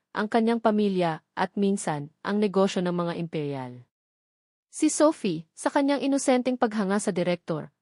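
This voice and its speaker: A woman with a Filipino accent narrates a scripted story for an audio drama. Her mid-range voice has a darkish tone, captured in a dry, clean studio recording.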